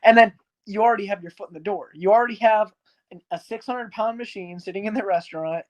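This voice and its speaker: In lo-fi audio, a high male voice moves at a quick pace. The speaker, an arcade business owner in his early twenties, chats frankly and ramblingly as a guest, dropping many fillers.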